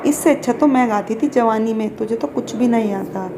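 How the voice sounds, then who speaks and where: A woman voicing a fussy, scolding older mother-in-law who nags and shouts orders at her daughter-in-law in a storybook. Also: fairly quick, background noise, close to an everyday voice. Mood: scornful. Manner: shrill, nagging, shouts orders.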